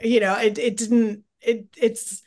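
Middle-aged woman from New York, guest on a call: chatty, animated, laughs easily, lots of restarts. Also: fairly high pitch, slow pace. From suburbs of New York City. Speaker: guest historian. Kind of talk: casual conversation. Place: home office with bookshelves. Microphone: video call.

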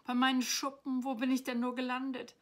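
A woman voicing a tiny, fretful silver male dragon in a storybook reading, wailing high and loud. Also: monotone, moderate pace, whispered. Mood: panicky.

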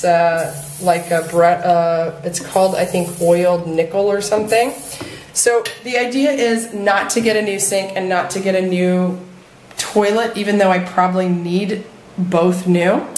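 The recording is low-quality with a bit of hiss or hum, and the woman's voice sits on the low side. In her thirties, she chats brightly through a casual tour of her house and open patio in a warm climate, using a phone held at arm's length much of the time and saying "like" and "you know" constantly.

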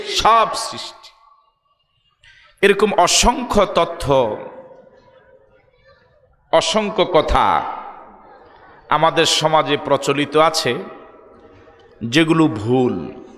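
A man's voice: on the high side, a bit bright, big-room sound. A man with a Bangladeshi Bengali accent preaching a sermon, calling out questions to the crowd and joking between points. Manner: calls out questions to the crowd, jokes, chanted Arabic verses.

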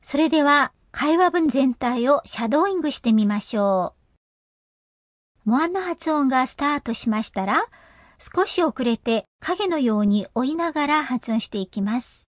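Woman teacher walking learners through pronunciation, patient, a bit high pitched. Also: animated, a little slow, no echo, clean studio sound. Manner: patient, explanatory. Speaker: language teacher. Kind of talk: radio language lesson.

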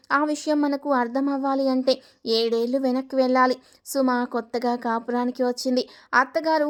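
A woman narrating a family story in a steady, expressive storytelling manner. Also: high voice.

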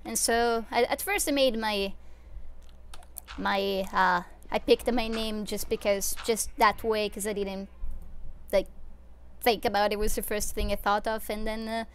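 Livestreaming a game at home, a young adult streamer from Switzerland rambles casually into her desk mic, full of fillers and small laughs. She speaks at a measured pace in a mid-range voice with fairly even intonation, and there's a little hiss or hum.

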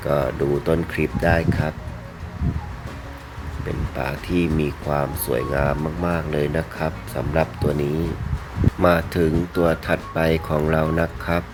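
A man presenting items for sale in a video, speaking politely in short, halting phrases over music. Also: a bass voice, poor audio. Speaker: fish seller presenting betta fish for sale. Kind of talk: unhurried sales video narration. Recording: music playing behind the voice.

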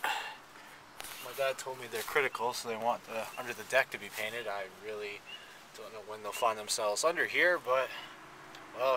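A man's voice: mid-range voice, noisy background. A young man chatting casually to a handheld camera outdoors, rambling and joking as he goes. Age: young adult. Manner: rambling, jokey. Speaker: vlogger, house painter. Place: outdoors around a wooden deck and yard. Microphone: camera held at arm's length.

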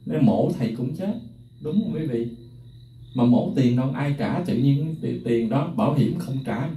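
A middle-aged man speaks earnestly and emotionally to his viewers, his voice very dark and mellow. He sits some distance from the mic in an echoey room with faint background noise. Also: medium pitch. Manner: earnest, emotional storytelling, addressing viewers directly. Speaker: music teacher sharing personal stories. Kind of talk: emotional personal talk to viewers.

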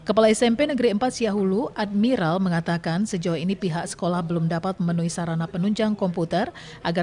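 Brisk low-voiced woman reading news. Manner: brisk, even newsreader delivery. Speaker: news narrator. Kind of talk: scripted news voice-over.

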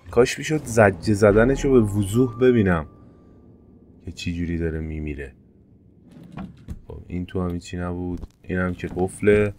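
Whenever fires break out in his game, this excitable man from Iran lets out sudden high-pitched yelps. He's a streamer providing relaxed let's-play commentary.

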